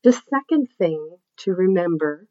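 A woman with a stuffy, nasal voice from a cold hosts a solo podcast, speaking slowly in a lowish register. She sounds upbeat and encouraging, stumbling now and then. The recording is dry and a little dull. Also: expressive, dry recording. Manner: upbeat, encouraging, some slips and restarts. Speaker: podcast host.

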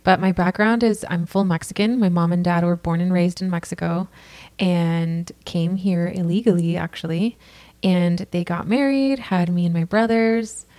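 A podcast guest from California tells her personal story in a slightly low voice with fairly even intonation and sincere, unhurried warmth. She's earnest and casual, stringing her thoughts loosely together with frequent "like" and "you know" fillers.

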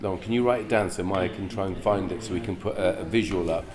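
A man chats casually as an interviewer, putting questions and short reactions to his guest. His voice is fairly low, with clear crowd noise around him. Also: fairly even intonation, fast. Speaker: podcast host. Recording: crowd chatter behind.

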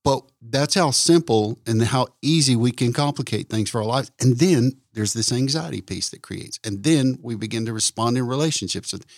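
A man hosting a casual faith talk, repeating words for emphasis like a preacher and slowing down on key points. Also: mid-range voice, creaky, dry recording, clean studio sound. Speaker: podcast host.

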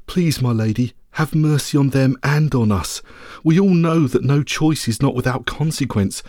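A man's voice: medium pitch, moderate pace, a little mellow, no room sound, studio quality, natural voice. A man reading a story aloud, voicing a small, brave terrier dog who pleads earnestly. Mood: pleading.

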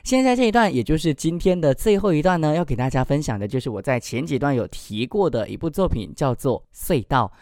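A man telling a picture-book story aloud with animated, expressive delivery and then discussing it. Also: fairly high pitch, fairly quick, few pauses, dry recording, studio quality.

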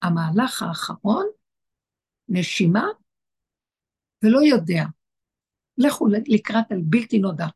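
A woman's voice: medium pitch, animated, creaky, long pauses, a little mellow, breathy edge. A woman giving an impassioned spiritual teaching to a group, repeating her phrases for emphasis. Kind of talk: Torah teaching to an online group.

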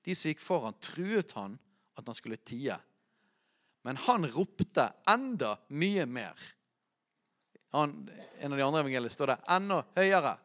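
Man preaching with loud bursts. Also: on the high side, big pitch swings. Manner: preaching with bursts of shouting when quoting. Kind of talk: sermon.

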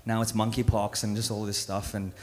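In a lowish, level voice and at a brisk clip, a young comedian delivers a live set into a stage microphone before an audience. His roots are in the Philippines, though he grew up in Australia, and he keeps things loose and self-deprecating, repeatedly fumbling and beginning again.

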